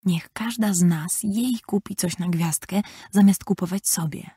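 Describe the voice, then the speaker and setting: A timid, soft-spoken young girl with a warm, low voice, as read by a woman. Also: measured pace, slightly rough, no echo, studio quality. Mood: gentle. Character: shy, gentle teenage girl, thirteen.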